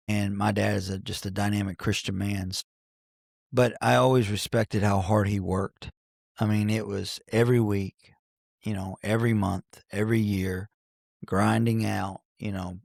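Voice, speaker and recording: A man in his forties from Cincinnati, a guest on a podcast, talks in an earnest, folksy way and restarts his sentences often. His voice is low and gravelly. The studio sound is dry and close. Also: no room sound. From Cincinnati, Ohio, United States. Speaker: basketball coach, podcast guest. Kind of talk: reflective conversational storytelling.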